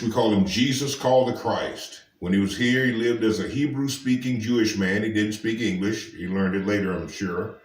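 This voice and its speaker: A man's voice: on the low side, roomy sound, recorded from a distance. A man preaching informally to camera, emphatic and firing rhetorical questions at the listener. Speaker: street preacher.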